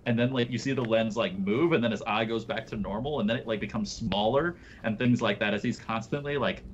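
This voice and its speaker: A man's voice: fairly low pitch, a little fast, dull audio, slight background noise. Rambling young man running a tabletop game. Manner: rambling, full of fillers. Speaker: game master.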